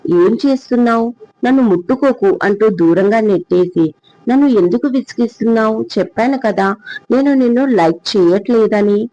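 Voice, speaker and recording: A woman's voice: fairly high pitch, moderate pace, dark tone, no echo, natural voice. A storyteller voicing a stubborn young woman who curtly waves off her suitor, on a dull, dry recording. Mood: cold.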